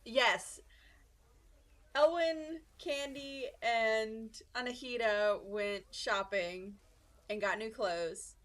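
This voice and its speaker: Slow, halting woman running a tabletop game. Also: fairly high pitch. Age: 20s. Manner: relaxed and halting, many ums and restarts. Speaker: dungeon master. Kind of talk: casual recap of a tabletop game session.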